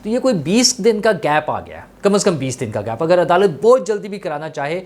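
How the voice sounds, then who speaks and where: A man with a Pakistani Urdu accent hosting his own channel, explaining politics in a steady, explanatory way with small fillers. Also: sits high, brisk. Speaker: political commentator and host. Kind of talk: solo political analysis.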